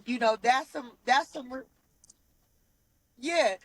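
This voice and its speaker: A woman's voice: high voice, slow pace, no room sound. A woman co-hosting a podcast in casual chat, candid and venting, swearing freely. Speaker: podcast co-host.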